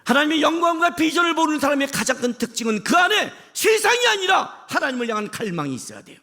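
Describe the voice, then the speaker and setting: High-pitched, animated preaching man. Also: fast. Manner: impassioned, shouts for emphasis; talks straight to the congregation with rhetorical questions. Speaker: pastor. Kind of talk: sermon.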